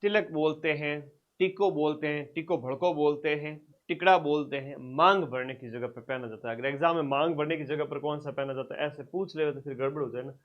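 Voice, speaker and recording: A man with a fairly high voice teaches an exam-prep class and repeats key terms slowly so students can write them down. He drifts nearer to and farther from the mic, so his loudness rises and falls. The recording sounds dull and low-fidelity. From Rajasthan. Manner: loudness and distance from mic vary a lot.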